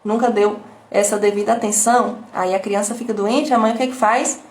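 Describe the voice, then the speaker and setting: A woman's voice: medium pitch, fairly even intonation, brisk, a little hiss or hum. A woman coach with a Brazilian Portuguese accent, giving a live talk that she fills with rhetorical questions and tag questions. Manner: explanatory, repetitive teaching tone. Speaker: emotional intelligence coach. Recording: roomy echo.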